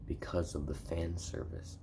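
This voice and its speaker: A man giving a soft-spoken, partly whispered ASMR review in a hushed voice, rambling and haltingly rephrasing himself. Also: low voice, flat delivery, very noisy. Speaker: video reviewer.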